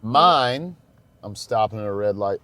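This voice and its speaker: A man's voice: on the low side, lively intonation, unhurried, bright, forceful tone, no room sound. Chatty man vlogging from his truck. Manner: chatty, addresses viewers as y'all. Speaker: travel vlogger driving. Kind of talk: casual road-trip vlog talk. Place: inside a moving truck.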